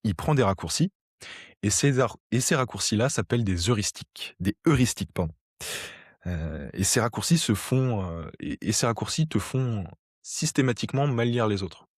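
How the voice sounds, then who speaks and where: A man with a fairly low voice talks through ideas in a relaxed, conversational lesson. He hesitates and restarts often, filling gaps with little pauses. The recording is dry and close, with no room sound. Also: slightly rough, no echo. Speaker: sociology educator. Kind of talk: explanatory talk to camera.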